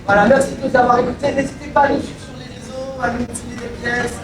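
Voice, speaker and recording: A woman's voice: high voice, flat delivery, fast talker, rough recording. A woman street musician announcing her band to passersby and thanking them for listening.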